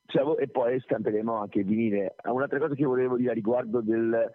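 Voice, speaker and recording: A man heard over a phone call, his voice squeezed thin and tinny by the line. He answers interview questions as a band's singer, at a middle pitch, rambling loosely and often correcting himself mid-thought. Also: fairly even intonation, fast. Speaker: singer of a band, interview guest.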